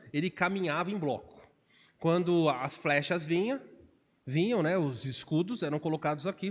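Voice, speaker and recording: A man with a Brazilian Portuguese accent, a pastor preaching an expository sermon in a church, animated and acting out quotes in changing voices. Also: on the high side. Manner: animated, acts out quotes with shifts of voice. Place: church sanctuary. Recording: long reverb of a church hall.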